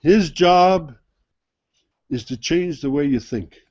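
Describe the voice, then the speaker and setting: Taking his time, a man with a somewhat high, slightly mellow voice gives a casual sermon as a Sufi teacher. He chats with his audience, asks rhetorical questions, and mimics other people's attitudes, though the recording is dull and lo-fi.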